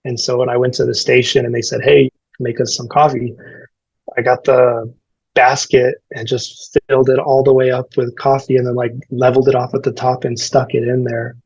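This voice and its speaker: A man's voice: mid-range voice, monotone, brisk, creaky, darkish tone, breathy edge, no echo, lo-fi sound. A man in his thirties from El Paso, Texas, a firefighter guest on a podcast, telling candid, self-deprecating stories and explaining how things work step by step. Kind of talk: podcast interview storytelling.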